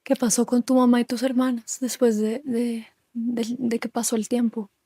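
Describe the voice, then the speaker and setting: A woman interviewing a guest, asking short gentle follow-up questions. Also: fairly high pitch, level tone, normal speed, no room sound, studio quality.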